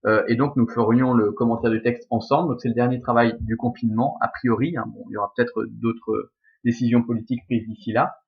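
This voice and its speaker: A man's voice: medium pitch, fairly even intonation, brisk, creaky. Man teaching Latin verse, muffled recording. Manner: explanatory, checks understanding with frequent "ok?" and "d'accord?". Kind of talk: recorded remote lesson.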